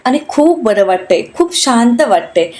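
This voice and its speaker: A curious young wife pleads and asks questions in a raised, high voice, as a woman narrator reads her. She sounds wondering and coaxing. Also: very animated, moderate pace, a little mellow.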